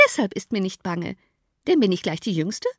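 A proud youngest daughter in a storybook reading, pert and pleased with herself, as a woman reader voices her. She speaks softly. The recording is close and dry. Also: medium pitch, big pitch swings, normal speed, no room sound.

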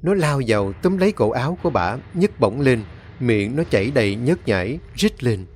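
A male storyteller narrating a horror story in a dramatic, expressive reading. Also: mid-range voice, normal speed, a little hiss or hum. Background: faint music.

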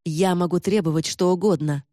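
A man reading an audiobook and voicing a defiant young noblewoman heroine who fires sharp, accusing questions. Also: sits high, fairly even intonation, brisk, dry recording, clean studio sound, lightly acted.

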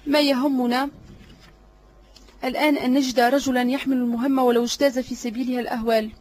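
A woman's voice: sits high, level tone, quick pace, a little mellow. A woman voicing an irritable, threatening male vizier in an audiobook drama reading, blustering and impatient.

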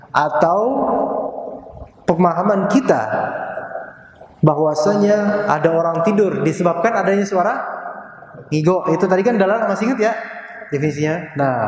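A man teaching a religious study class, explaining points and asking his listeners questions. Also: high voice. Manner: lively, asks the audience questions. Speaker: Islamic teacher. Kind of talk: recorded religious study lesson. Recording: echoey hall with faint noise.

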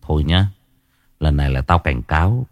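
A man doing a gruff scolding elder brother. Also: extremely low pitch, animated, normal speed, pitched below the performer's own voice. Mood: stern. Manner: stern, scolding.

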